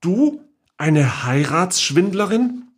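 A man's voice: high-pitched, lively intonation, normal speed, voice pushed up. A man voicing an anxious adult relative who speaks urgently and pleadingly. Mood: alarmed. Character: alarmed adult relative confronting an old aunt.

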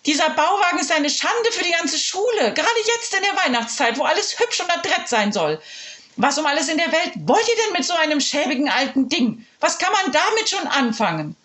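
A woman voicing a strict, bossy headmistress who scolds in a shrill, scornful way. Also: big pitch swings, brisk, fairly bright tone.

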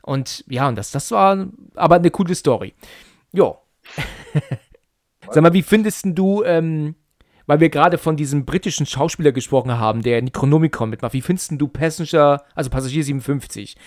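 A man in casual podcast chat, excitedly retelling a film plot, full of fillers and restarts. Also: a little high, moderate pace, dry recording, clean studio sound. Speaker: podcast co-host.

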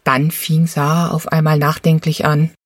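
A woman reading a children's storybook aloud in a calm, even storytelling manner. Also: deep voice, normal speed, no room sound, clean studio sound. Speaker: narrator.

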